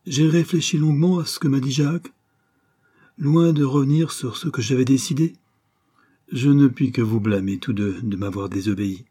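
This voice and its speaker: Stern older matriarch, read by a man: deep, husky, imperious, dark-toned. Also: normal speed, natural voice. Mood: solemn. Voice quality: deep, hoarse voice. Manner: commanding, imperious.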